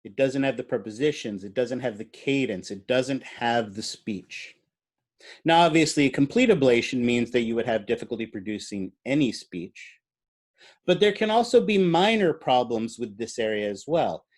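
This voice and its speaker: A man delivers a classroom biology lecture at a moderate pace, medium-pitched with lively intonation. He explains at an easy, conversational pace, says "uh" often and asks the students questions.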